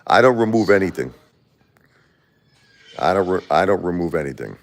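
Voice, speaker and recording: This livestream host from Brooklyn, New York speaks at normal speed in a low, expressive voice, casually chatting from home. Blunt and prone to repeating himself, he answers viewers and argues with critics.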